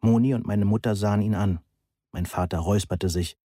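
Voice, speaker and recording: A man reading a first-person story aloud in a measured, deadpan manner, close to the mic. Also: lowish voice, no room sound. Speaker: audiobook narrator. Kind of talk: first-person scripted narration.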